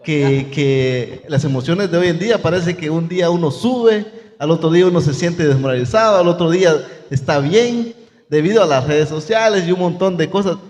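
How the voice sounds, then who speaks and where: A woman's voice: fairly low pitch, normal speed, darkish tone, big-room sound. A woman hosting a church panel talk, asking thoughtful questions with many restarts.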